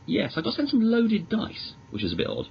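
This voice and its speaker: This British man's voice is high-pitched and swoops wildly, moving at a fairly quick clip as he chats as a podcast guest. A magazine editor, he rambles hesitantly but with enthusiasm over dull lo-fi audio with clear noise.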